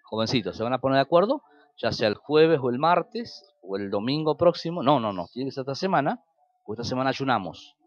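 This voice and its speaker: A man's voice: medium pitch, very animated, fairly quick, no room sound, muffled recording. A man with an Argentine Spanish accent preaching a sermon as pastor, telling stories and acting out quoted dialogue with sudden rises and drops.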